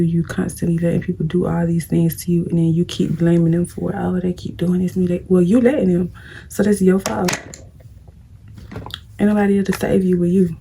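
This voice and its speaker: Doing her makeup on camera, a young vlogger gives casual get-ready-with-me advice in a scratchy, lowish voice with vocal fry and a warm tone. She's blunt and a bit preachy, talking straight to her viewers.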